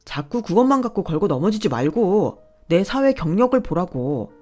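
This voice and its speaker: A woman's voice: lowish voice, sing-song, normal speed, warm tone, soft background music. A woman voicing an entitled, scheming young husband who whines and makes demands. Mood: wheedling. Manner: whiny, demanding, indignant.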